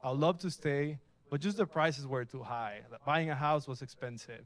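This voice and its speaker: Speaking at normal speed with a medium-pitched voice, a young adult man from Mexico delivers a relaxed, cheerful tech meetup talk. He addresses a live audience in an event space and asks them questions as he goes.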